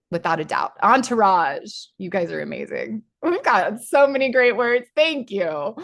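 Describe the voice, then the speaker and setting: A woman leading an online spiritual workshop, talking in a chatty, excitable way with many restarts, over a video call. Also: medium pitch. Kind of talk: informal spiritual teaching talk.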